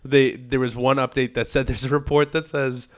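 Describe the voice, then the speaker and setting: Man, podcast co-host, casual football chat, smooth clear voice, rambling. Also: mid-range voice, little pitch movement, moderate pace. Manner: rambling, repeats words when starting a thought.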